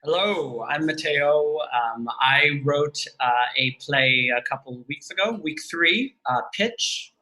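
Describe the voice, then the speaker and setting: A man's voice: on the high side, expressive, slow, hardly any pauses, bright, forceful tone. A man introducing himself hesitantly on a video call, with fillers. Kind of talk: casual self-introduction.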